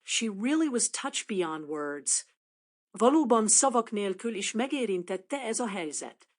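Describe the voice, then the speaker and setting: A woman narrating a short story as a bilingual audiobook, reading in a calm, measured way. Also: medium pitch.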